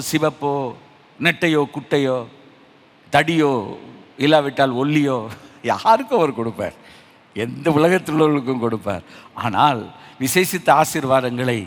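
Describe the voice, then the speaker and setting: A man's voice: a little high, fairly bright tone. A male pastor with a Tamil accent preaching an online sermon, fervent and full of repeated rhetorical questions, mixing in English phrases. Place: church, online service. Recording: long hall reverb.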